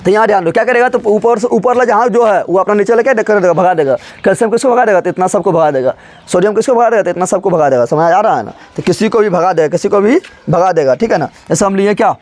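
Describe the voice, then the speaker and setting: A male teacher, explaining chemistry with lively questions and playful stories. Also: sits high, fast. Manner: animated, asks students constant questions, acts out elements as characters. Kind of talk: classroom chemistry lesson.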